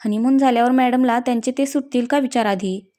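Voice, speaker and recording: A mischievous young woman friend who cries out in protest and slips in sly jokes, as a woman reader puts her on. The voice is soft and warm, pitched a little high. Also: brisk, lightly acted.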